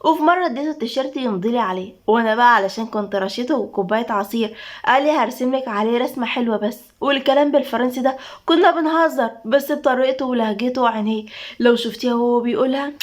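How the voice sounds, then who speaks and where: A woman's voice: fairly high pitch, racing, close to an everyday voice. Woman voicing a wry young Egyptian wife. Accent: Egyptian Arabic.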